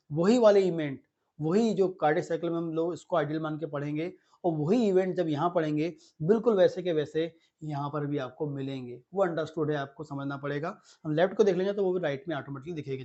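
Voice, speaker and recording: A man's voice: on the high side, darkish tone. A male teacher giving a classroom lecture, repeating key terms and asking himself questions before answering them. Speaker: physiology teacher. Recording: slightly muffled lo-fi audio.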